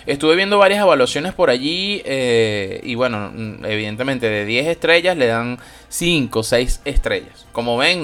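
Venezuelan guy on a podcast, kinda high voice, rambling and cursing a lot, super casual. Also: fairly bright tone. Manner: rambling, slangy and profane, many fillers. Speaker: podcast host reviewing a film. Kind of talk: casual chat.

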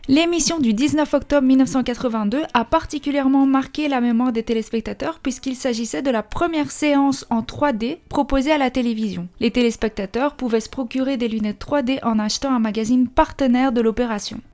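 A woman's voice: high-pitched, a little fast, hardly any pauses, darkish tone. A woman with a Belgian French accent hosting a music-history podcast, reading a script and adding chatty, joking asides. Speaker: podcast host.

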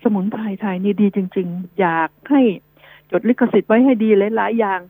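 A woman's voice: medium pitch, moderate pace, dry recording, narrow, tinny audio. A woman hosting a radio news show, giving chatty, rambling advice to her listeners. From Thailand. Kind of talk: casual radio talk.

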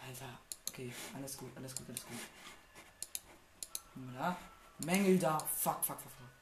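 Jumpy young gamer muttering in an echoey room. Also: male voice, mid-range voice, normal speed. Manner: jumpy, swearing under his breath, muttering to himself. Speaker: gamer playing a horror game. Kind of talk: casual let's-play commentary. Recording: echoey room with noticeable noise.

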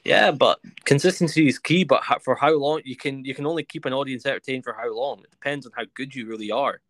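A man's voice: medium pitch, fairly even intonation, fast talker, fairly bright tone, dry recording. Young male podcast host, casual, cocky, stumbles on words, dry sound. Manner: boastful, swears, trips over his words. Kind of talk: casual chat.

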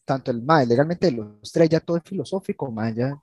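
Un hombre joven con acento costarricense que bromea e interrumpe a sus amigos en una charla informal de podcast. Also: male voice, medium pitch, expressive, fairly quick, darkish tone, no room sound, clean studio sound. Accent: Costa Rican. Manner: joking, interjects often with "mae". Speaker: podcast co-host. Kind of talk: casual chat among friends.

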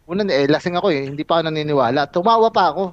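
A man's voice: fairly high pitch, animated, rapid-fire. A young man telling a story in casual chat, swearing and laughing along the way. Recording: dull lo-fi sound.

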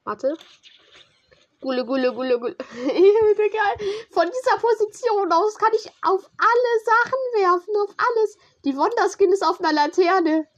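A woman's voice: extremely high pitch, expressive, normal speed, dull audio. A young woman giving casual, slangy commentary to a teammate while playing a game. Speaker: gamer streamer.

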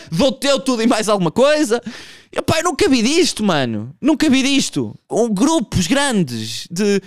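A man's voice: very high-pitched, big pitch swings, a little slow, no echo, studio quality. A young man doing a casual, profane stand-up monologue, telling a story with vocal impressions. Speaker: stand-up comedian.

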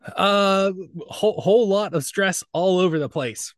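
A man's voice: high voice, measured pace, dry recording, studio quality. A man hosting a podcast in casual chat, joking and laughing often. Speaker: podcast host.

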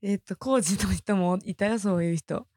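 A woman, chatting casually as co-host, lively and teasing. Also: medium pitch, moderate pace, dry recording. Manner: lively, teasing, laughs often. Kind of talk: casual chat.

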